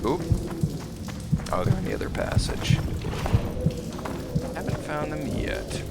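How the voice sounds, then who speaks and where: A man's voice: on the high side, big pitch swings, slow. A tipsy man giving casual, sweary commentary as he plays a video game during a drinking challenge. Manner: foul-mouthed, swearing freely. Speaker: gamer doing a drinking challenge playthrough. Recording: loud game music behind voice. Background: loud game music.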